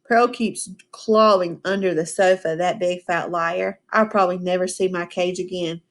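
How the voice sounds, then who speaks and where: A woman teacher reading a storybook aloud to children, pausing to ask them questions and explain words. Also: lowish voice. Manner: expressive, asks the children questions, slow and patient. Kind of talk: storybook read-aloud with class discussion.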